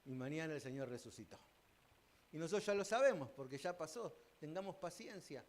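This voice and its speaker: A man with an Argentine accent preaching a sermon as pastor, folksy and joking, his voice swinging from loud bursts to hushed asides. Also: on the high side, animated, a little fast. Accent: Argentine Spanish. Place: church sanctuary.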